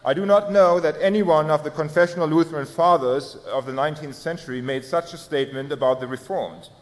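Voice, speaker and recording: A man reads his prepared theology paper aloud in a formal, measured way and fixes small slips as he goes. His voice sits a little high for a man. The sound carries a long hall reverb, as in a lecture room. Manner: measured, formal delivery with small self-corrections. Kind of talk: reading a prepared academic paper.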